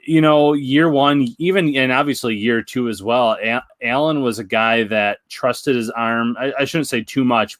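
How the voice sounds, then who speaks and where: A man's voice: mid-range voice, a bit bright, no echo, studio quality. A man co-hosting a casual sports talk show, breaking down plays in an analytical way. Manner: analytical, builds points with examples. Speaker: podcast co-host.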